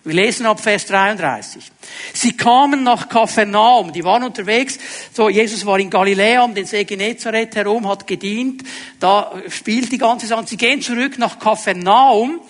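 A man preaching a sermon, asking his listeners direct questions and dropping to a hushed voice for emphasis. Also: sits high, normal speed, big-room sound. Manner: dramatic, drops to a hushed voice for emphasis.

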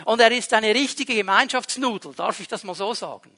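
Male pastor, sermon, very high voice, bright and forceful, chatty preaching with questions to the room. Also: a little fast. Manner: lively, conversational preaching with rhetorical questions. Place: church hall with a congregation.

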